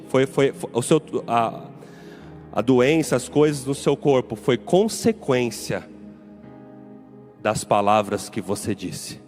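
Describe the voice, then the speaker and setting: A man's voice: medium pitch, a little mellow. A man with a Brazilian Portuguese accent, a pastor delivering a sermon in an emphatic, repetitive preaching style.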